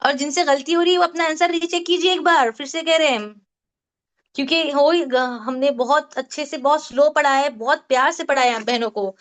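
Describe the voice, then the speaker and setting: Female tajweed teacher, high voice; patient and repetitive, sounds out each Arabic syllable slowly. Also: fairly bright tone. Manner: patient, repeats questions and answers, drills Arabic sounds slowly. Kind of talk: online Quran recitation lesson.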